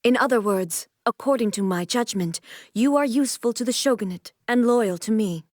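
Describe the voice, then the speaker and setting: Game role: actress as imperious immortal female shogun, formal and stately, fairly high voice, dry close recording. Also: dry recording, lightly acted. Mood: solemn, commanding. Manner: formal, stately, measured, archaic diction. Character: regal, aloof immortal female shogun commanding thunder. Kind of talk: scripted video game character voice lines.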